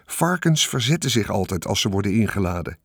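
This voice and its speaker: A man's voice: fairly low pitch, big pitch swings, fairly quick, slightly rough, no room sound, studio quality, heavily acted. A man voicing a wise, bossy old female sheep in an audiobook, giving urgent orders. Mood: urging. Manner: urgent, commanding whisper-advice.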